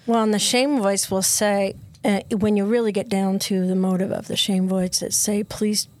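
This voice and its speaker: A woman trauma therapist, a guest on a podcast, explaining in an earnest, steady way. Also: medium pitch, moderate pace, dry recording. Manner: earnest, explains steadily, drops to soft whispers when quoting inner voices.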